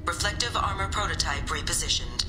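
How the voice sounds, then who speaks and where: A woman voicing a stern female security AI of a space station, making flat, clipped announcements over a loudspeaker. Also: fairly low pitch, brisk. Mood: cold, stern. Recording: echoey game audio with music.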